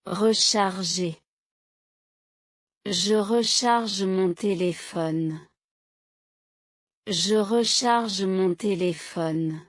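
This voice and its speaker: Slow, deliberate woman drilling vocabulary. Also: mid-range voice, no echo, studio quality. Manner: clear, deliberate, evenly paced. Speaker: French teacher. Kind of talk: slow vocabulary drill, each sentence said twice.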